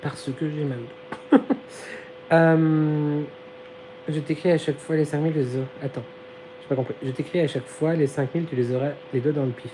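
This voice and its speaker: A man chats on a live stream through his phone, his voice mellow and dark and starting to fail. He talks in a giggly, slangy way, with a fan humming faintly behind. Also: on the high side, fairly even intonation, moderate pace, long pauses, slight background noise, rough recording. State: losing his voice. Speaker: live-stream host reading chat. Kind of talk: casual live chat.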